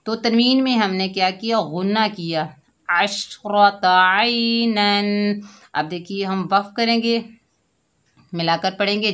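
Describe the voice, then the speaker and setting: A woman teaching Quran recitation rules step by step, explaining slowly and drawing out chanted examples. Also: lowish voice. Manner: slow, deliberate explaining, with drawn-out chanted examples; often checks in with "theek hai". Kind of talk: step-by-step tajweed lesson.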